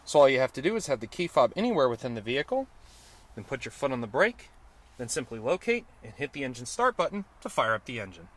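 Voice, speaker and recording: A man with a medium-pitched, sing-song voice gives an enthusiastic, detailed car review at a quick pace, sometimes correcting himself mid-sentence. He's recorded outdoors, inside and around the car, with a little hiss or hum.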